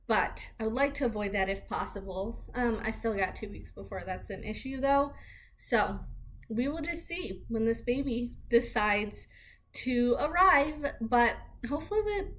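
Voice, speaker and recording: A young woman talks in a casual, rambling vlog style. Her voice sits slightly high, and she is chatty and informal, dropping in "like" often. There is a bit of background noise and room ambience behind her. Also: fairly bright tone. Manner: chatty and informal, heavy use of "like". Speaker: vlogger giving a pregnancy update.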